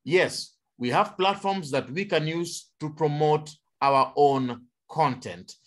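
A man's voice: on the high side, slow pace, fairly bright tone. Preaching man with rhetorical questions. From Kenya. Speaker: panel speaker. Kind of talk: online panel talk.

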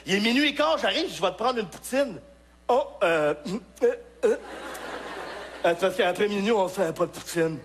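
A male stand-up comedian from Quebec with a Québécois accent, telling stories on a live stage and shouting his punchlines. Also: sits high, moderate pace, slight background noise. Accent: Québécois French. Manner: animated storytelling with shouted punchlines.

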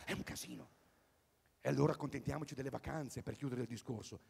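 A man doing a rambling stand-up comedy routine at a live concert, swinging between loud bursts and mutters. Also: mid-range voice, quick pace, creaky, long reverb tail, slight background noise. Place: outdoor tennis courts at a live event.

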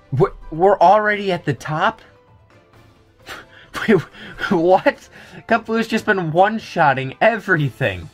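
A young adult man giving wry, joking commentary over a video game, often chuckling at his own asides. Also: mid-range voice. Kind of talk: let's play commentary.

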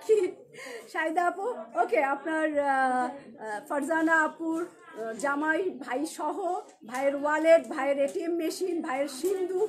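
A woman's voice: high voice, measured pace. A woman with a Bangladeshi Bengali accent, a shop owner selling clothes on a live stream, chatty and joking as she greets viewers by name.

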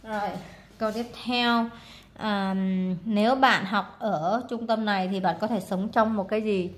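A woman's voice: medium pitch, steady tone, a little slow. Female teacher, casual exam walkthrough, chatty with fillers. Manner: casual, many fillers, reads words aloud and translates. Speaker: English teacher.

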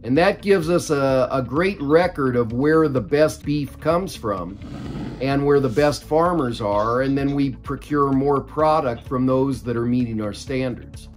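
An older man, a company executive, answering interview questions at length from a home study over a video call, measured and explanatory with frequent fillers. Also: mid-range voice, soft background music. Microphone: video call webcam.

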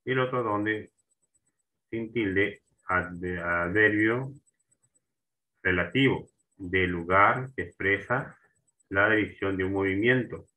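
A man teaching a grammar lesson with a slightly low voice and a bright, forceful edge. He talks very slowly, repeats words and restarts them, and keeps checking in with his students. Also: poor audio. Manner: slow and repetitive, restarting words and asking for agreement.

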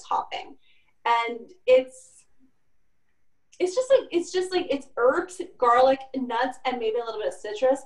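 Chatty woman, high voice, echoey kitchen. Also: far from the mic. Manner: chatty, lots of fillers like "like" and "kinda". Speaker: cooking instructor. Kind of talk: casual cooking demonstration. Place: home kitchen in an old apartment. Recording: echoey room, voice off-mic.

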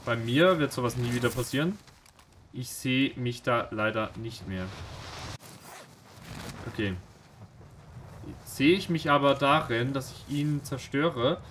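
A man talking through his own gameplay at mid pitch, anxious and self-mocking. He curses freely and jumps from quiet muttering to sudden loud outbursts. A faint noise sits under the voice. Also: expressive, slow pace, pauses often. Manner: swings from mutters to sudden shouts. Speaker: gaming streamer. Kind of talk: live gameplay commentary.

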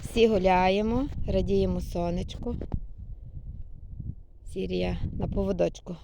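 A woman's voice: medium pitch, steady tone, slow pace, gravelly, dark tone, slight background noise. A woman cooing affectionate baby talk to her cats, filmed outdoors on a phone in a snowy yard. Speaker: cat owner filming her cats. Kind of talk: casual vlog, baby talk to pets.

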